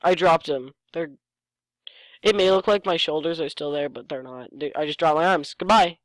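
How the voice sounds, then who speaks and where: A host gives a comedic reading of fan fiction and keeps breaking off for sarcastic asides about the writing. The voice sits at a middle pitch and sounds dry and close, with no room around it. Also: normal speed, dry recording, poor audio. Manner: sarcastic, mocks the text and stumbles over lines. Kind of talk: comedic dramatic reading with commentary.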